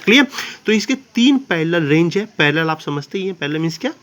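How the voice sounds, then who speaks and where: A man teaching a geography lesson in a chatty classroom style, terms into his talk and often asking if it is clear. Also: on the high side, expressive, fast talker, a bit bright. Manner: chatty, addresses students as babu, asks "clear?".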